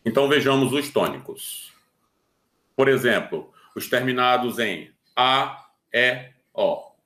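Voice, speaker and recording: A man with a Brazilian Portuguese accent teaching a recorded lesson, explaining slowly and deliberately with hesitant fillers. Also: mid-range voice, expressive, sharp tone, roomy sound.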